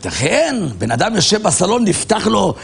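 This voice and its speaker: A middle-aged man preaching a fiery sermon to a crowd, lurching from low mutters to sudden shouted outbursts in a gravelly voice. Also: sing-song, very noisy. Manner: shouting, swinging from low mutters to high yells. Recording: echoey hall with loud music over it.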